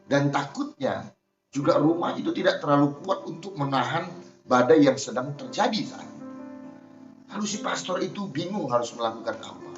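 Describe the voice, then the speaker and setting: A male pastor preaching a Sunday sermon with emphasis, often speaking straight to the congregation. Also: mid-range voice. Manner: emphatic, addresses the congregation directly. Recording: roomy, dull, faint music behind.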